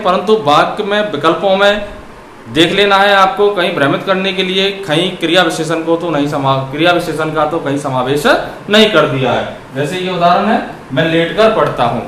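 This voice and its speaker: A high-pitched man teaching a grammar lesson, putting questions to his students and answering them himself. He stretches his words out slowly when dictating examples. The room echoes, and there is a faint hiss in the background. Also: fairly bright tone.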